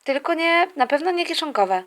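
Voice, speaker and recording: A woman voicing a kind, patient mother in a toy-figure story, gentle and reassuring. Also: high voice, lively intonation, moderate pace, pitched above the performer's own voice.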